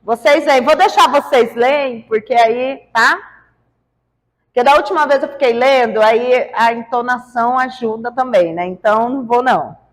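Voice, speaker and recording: A woman's voice: a little high, moderate pace, big-room sound. A woman teaching biology, running a quiz with her class and coaxing answers out of the students in a playful way. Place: large classroom.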